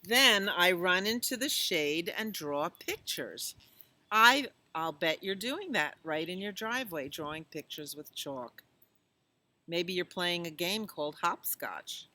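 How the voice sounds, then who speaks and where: Reading a picture book to kids at the library, this woman speaks slowly in an expressive, lowish voice with a sharp edge. She breaks in with chatty comments, exclamations and questions for her audience.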